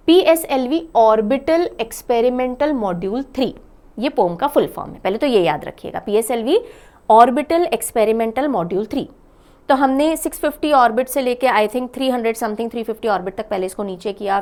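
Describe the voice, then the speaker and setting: A woman with a slightly high, darkish voice delivers an exam-prep lecture on current affairs. She explains things step by step, asks questions and answers them herself, and mixes English phrases into Hindi.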